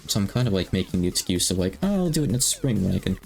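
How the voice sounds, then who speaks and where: Man in his thirties, gravelly low voice, rambling casual stream chat, faint music behind. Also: very animated, fast. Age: 30s. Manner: rambling, self-deprecating, many fillers and restarts. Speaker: livestreamer.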